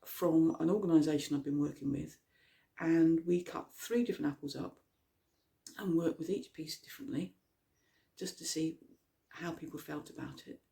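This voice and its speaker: A guide leading a mindful eating exercise at home, asking gentle, slow questions and sometimes talking while chewing. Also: mid-range voice, steady tone, creaky. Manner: talks while chewing at times. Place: at home with a cat nearby.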